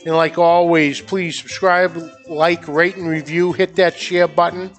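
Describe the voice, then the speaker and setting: A man with a Boston accent hosts a casual podcast, chatting and plugging the show in an upbeat way. His voice sits high for a man. Faint music plays behind him. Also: flat delivery, measured pace. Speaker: podcast host. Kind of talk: casual chat and show sign-off.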